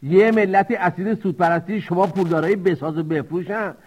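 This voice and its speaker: A man's voice: sits high, fairly even intonation, a little mellow. A man playing a teasing, sly city office clerk who mocks a builder and sings back verses. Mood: scolding. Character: mocking male city-hall clerk, middle-aged, sly and teasing. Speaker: comic actor. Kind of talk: comic sketch with sung verse.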